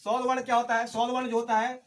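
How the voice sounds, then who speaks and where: A male teacher runs a lesson, firing questions at the class and waiting for the answers. His voice sits high for a man. The recording is a noisy one made in a classroom. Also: completely flat delivery, quick pace. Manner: drills the class with call-and-response questions. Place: classroom with students.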